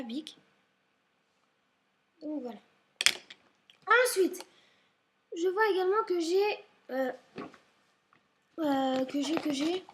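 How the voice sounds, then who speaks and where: There's slight background noise as a young woman with a high voice vlogs indoors at home. She casually shows her school supplies, rambling and apologizing frequently, and seems a little sick, maybe with a blocked nose.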